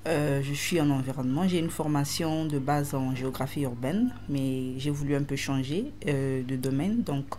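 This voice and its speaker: A man's voice: mid-range voice, moderate pace, few pauses, warm tone, slight background noise. Methodical young man in his twenties. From Congo. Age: 20s. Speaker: student. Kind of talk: interview self-introduction.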